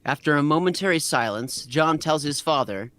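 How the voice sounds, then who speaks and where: A man reading fanfiction aloud as the narrator, in an animated, amused way. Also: fairly high pitch, normal speed, no echo. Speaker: narrator and reader.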